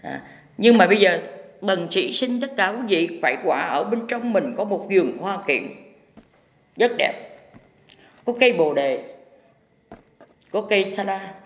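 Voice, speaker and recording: A man's voice: high-pitched, animated, unhurried, pauses often. Echoey preacher man. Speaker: Buddhist teacher. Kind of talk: impromptu sermon. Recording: echoey hall with long reverb.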